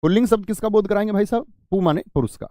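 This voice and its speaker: A man's voice: sits high, rapid-fire, dark tone, dry recording, studio quality. A man teaching an exam-prep grammar lesson, who asks his students questions, answers them himself and repeats key phrases.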